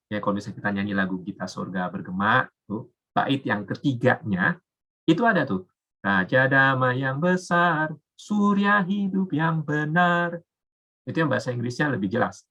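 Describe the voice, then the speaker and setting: A man's voice: medium pitch, pushed and bright, slightly rough. A man giving a casual Bible lesson, explaining step by step with frequent filler words. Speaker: Bible teacher. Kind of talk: casual teaching talk.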